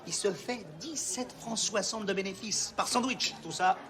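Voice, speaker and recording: An actor playing a boastful male garment trader who tells crude stories fast. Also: sits high, a crowd in the background, lightly acted. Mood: bragging.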